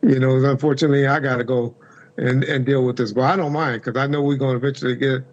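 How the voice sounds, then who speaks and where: A man's voice: mid-range voice, steady tone, quick pace, highs cut off. Guy answering interview questions, lots of um and uh, mid voice. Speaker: interview guest.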